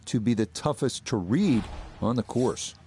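A man playing a TV golf commentator in a video game, giving measured, polished broadcast commentary. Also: medium pitch, lively intonation, dark tone, slight background noise, natural voice. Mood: informative. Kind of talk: scripted television-style golf commentary. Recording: music and crowd behind voice. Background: background music and crowd.

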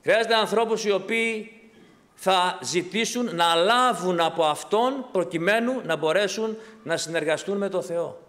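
A man with a notably high voice preaches with fervour, posing questions to his congregation and answering them. His words ring out with a long reverb from the church hall around him. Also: a bit bright. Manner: impassioned preaching with rhetorical questions. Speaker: pastor. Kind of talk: sermon.

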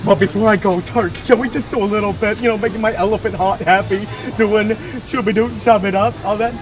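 A young man switching between impression voices of sweet, excitable cartoon characters in playful in-character chat. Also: high-pitched, fairly quick, music in the background, close to an everyday voice. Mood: eager, sing-song. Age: young adult. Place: outdoors at a busy theme park. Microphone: camera a few steps away. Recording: outdoor theme park crowd noise.

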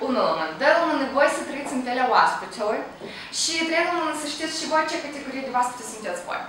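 A woman trainer quizzes her group and sums up their answers in a fairly high voice. She sounds distant from the mic, in a strongly echoing room. A faint hiss sits under her voice. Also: animated, a bit bright. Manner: prompting, questioning the group. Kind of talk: staff training session.

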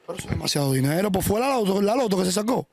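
Dominican male interviewer, fast and high-pitched, keeps probing. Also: lively intonation, vocal fry. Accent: Dominican Spanish. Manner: probing questions, stammering repeats. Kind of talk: casual interview.

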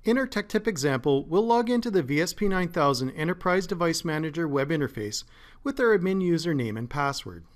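A man narrating a scripted step-by-step tech tutorial as a support engineer, in a steady, methodical way. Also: on the high side, brisk. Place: voice-over, not recorded in the pictured place.

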